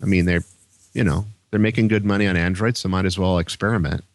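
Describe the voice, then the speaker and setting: An easygoing man co-hosts a tech podcast, trading jokes in casual chat. His voice is a little low. The recording is dry and close. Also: fairly even intonation, fast, dry recording. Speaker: podcast co-host.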